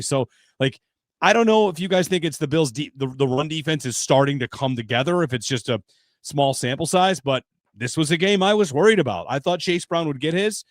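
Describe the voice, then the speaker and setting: A man hosting a football podcast in casual chat, his voice sitting a touch high and close to the mic with a dry, dead sound. He leads the talk, rattles off stats and tosses in plenty of easygoing fillers. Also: dry recording. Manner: stat-heavy, loose and chatty, leads the discussion. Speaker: sports podcast host.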